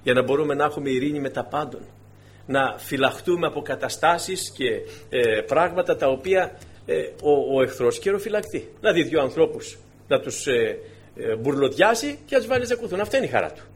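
A man preaching a sermon in a conversational, animated way, with sudden emphatic bursts, often addressing his congregation as dear brothers. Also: fairly high pitch.

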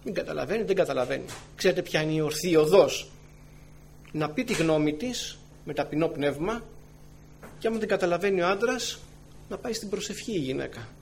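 A man who is a church elder preaching a sermon, earnestly addressing his brothers and sisters, swinging from loud emphatic phrases to soft low asides. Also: expressive, creaky, slight background noise. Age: adult with wife and children. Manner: earnest, often calls the listeners brothers and sisters.

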